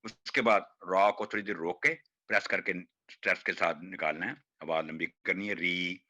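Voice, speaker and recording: A man teaching Quran recitation, demonstrating hard words slowly and repeating each one. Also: low-pitched, steady tone, pushed and bright. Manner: slow, drawn-out demonstration of each word, repeated. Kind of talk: online pronunciation class.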